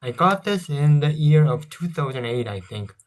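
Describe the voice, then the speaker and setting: A South Korean man in his thirties vlogs a casual, rambling console review in English, his second language, with a Korean accent. His voice sits fairly high and sounds animated at a normal speed, and he often hesitates and corrects himself.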